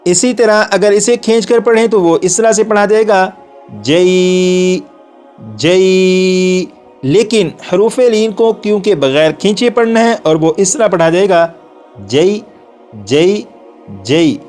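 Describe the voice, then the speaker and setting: A man with a high voice teaches a recitation class at a calm, patient pace. He explains each rule, then sounds out the examples slowly and repeats each one three times for students to follow. Soft music plays faintly behind him. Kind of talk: step-by-step recitation lesson.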